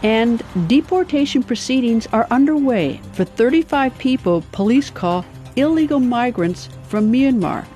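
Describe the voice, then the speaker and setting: A woman reading scripted documentary narration in a measured, even way. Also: fairly high pitch, soft background music.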